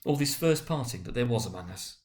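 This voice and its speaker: A man voicing a tender, grieving, eager working-class father in a dramatic storybook reading, halting and repeating words. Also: medium pitch, expressive, a little mellow, lightly acted. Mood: tender, earnest.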